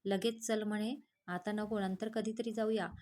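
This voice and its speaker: A woman voicing a young male psychiatrist, calm but curt and protective, in a read-aloud storybook. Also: medium pitch, normal speed, close to an everyday voice. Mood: mock-stern. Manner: curt, scolding.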